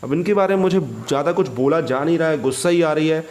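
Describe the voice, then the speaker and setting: A man hosting a reaction video, talking to viewers in an agitated, halting way and restarting often. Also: a little high, darkish tone. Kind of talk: casual commentary to viewers.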